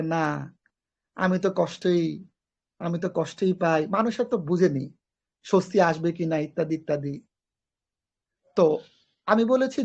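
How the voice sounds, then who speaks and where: A woman's voice: a little high, creaky. Woman teaching grammar. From Bangladesh. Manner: explains step by step, repeats key phrases, mixes in English grammar terms. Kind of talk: online class lecture. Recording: dull lo-fi recording.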